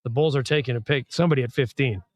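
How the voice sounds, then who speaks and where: A man hosting a live basketball draft reaction show, trading quick, teasing banter with his co-host. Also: mid-range voice, no echo. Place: arena media room.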